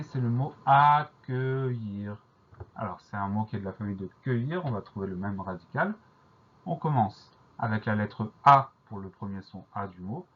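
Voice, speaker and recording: Husky man spelling out words slowly. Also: medium pitch. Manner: slow, careful letter-by-letter spelling. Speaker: teacher. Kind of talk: spelling lesson. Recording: dull lo-fi recording.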